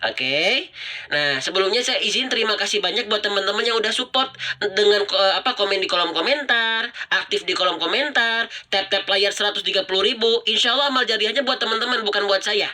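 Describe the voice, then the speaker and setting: A man's voice: high-pitched, sharp tone. A man teaching Quran recitation on a live stream, chatty and talking straight to his viewers, stretching out sounds to demonstrate them again and again. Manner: repetitive, drawn-out pronunciation demonstrations; chatty, addresses viewers directly. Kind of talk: live-streamed tajwid lesson.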